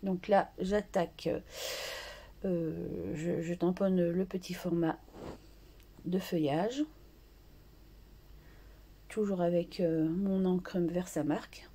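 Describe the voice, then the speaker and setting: A woman hosting a craft tutorial, slowly talking through her art journal steps with many pauses and restarts. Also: lowish voice, steady tone, mellow. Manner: slow and hesitant, many fillers and restarts.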